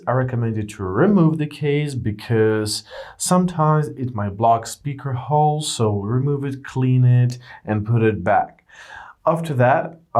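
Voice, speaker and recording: A man's voice: mid-range voice, a little mellow. A man presenting a step-by-step tech how-to as a tutorial host, in piecemeal phrases with sing-song emphasis.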